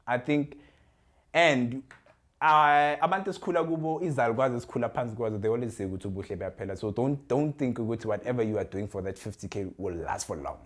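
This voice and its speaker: A man's voice: medium pitch, fast. A young man with a South African accent co-hosting a youth podcast, talking casually, repeating words and mixing English with Zulu. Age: young adult. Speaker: podcast co-host. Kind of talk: casual chat.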